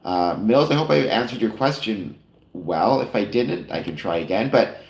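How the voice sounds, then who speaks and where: Speaking at a normal speed, this live stream host sounds animated, with a lowish, somewhat mellow, faintly nasal voice. He chats casually with viewers late at night, filling his talk with fillers and correcting himself often, all in a roomy, echoing space.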